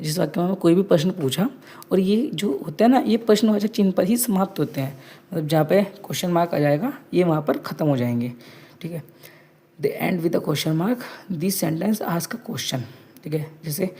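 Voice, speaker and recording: A woman teacher giving an online class to children. She explains each point twice, keeps saying "okay", and reads example sentences slowly. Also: lowish voice, mellow, husky.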